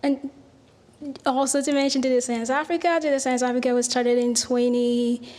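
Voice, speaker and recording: A woman's voice: high voice, flat delivery, moderate pace, darkish tone. A middle-aged woman from Cameroon, giving an earnest academic lecture with slides and small restarts. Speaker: researcher giving a talk.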